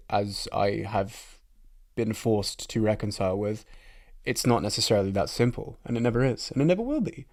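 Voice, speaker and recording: A man's voice: lowish voice, a little mellow. A man hosting a podcast, talking in casual chat, frank and reflective, swearing freely. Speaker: podcast host.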